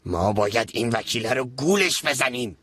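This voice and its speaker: An actor playing a scheming, desperate uncle in debt who rambles and pushes others, in a dubbed TV drama. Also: male voice, mid-range voice, expressive, fairly bright tone, breathy edge, no room sound. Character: scheming, desperate middle-aged man. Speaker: uncle in debt chasing an inheritance.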